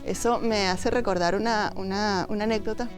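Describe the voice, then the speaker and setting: A woman's voice: medium pitch, normal speed, soft background music. A Venezuelan woman, founder of a women's biker group, chatting in an interview and acting out the voices in her stories. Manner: lively storyteller, acts out quotes. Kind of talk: casual interview chat.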